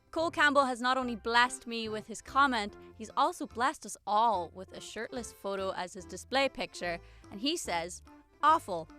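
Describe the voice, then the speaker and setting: A singer and YouTuber in her twenties reads out comments and responds to them casually, sarcastic and self-mocking. Her voice is mid-range with a sharp tone.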